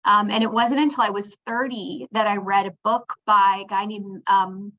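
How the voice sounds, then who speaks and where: A woman in her forties from Pittsburgh speaks reflectively in a webinar over a video call. Her voice is bright and forceful, with fillers and restarts throughout. The audio comes across dull and lo-fi. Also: medium pitch, flat delivery, normal speed. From Pittsburgh, United States. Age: 40s. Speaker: webinar presenter. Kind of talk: presenting a professional webinar.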